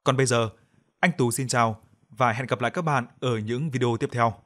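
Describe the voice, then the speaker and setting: A man narrating an audio ghost story in a steady, measured way and closing as the channel host. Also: mid-range voice. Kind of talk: scripted narration. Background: faint music.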